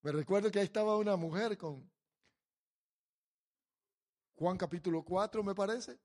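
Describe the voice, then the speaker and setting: Un hombre predicando un sermón, exhortando a la congregación y pasando de tono bajo a fuerte énfasis. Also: male voice, high voice, normal speed. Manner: exhorting, addressing the congregation directly; swings from quiet to loud emphasis. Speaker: preacher. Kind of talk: sermon.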